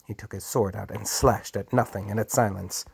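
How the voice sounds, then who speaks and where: A man narrates a storybook chapter in a measured, dramatic reading. His low voice has a gravelly, husky grain. The recording is dry and close. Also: fairly even intonation, dry recording. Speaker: audiobook narrator.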